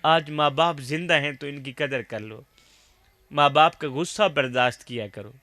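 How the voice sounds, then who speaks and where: A man with a Saraiki accent preaching an emotional, declamatory sermon to a gathering, calling his listeners brothers and rising at times to shouting. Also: on the high side, no room sound, studio quality.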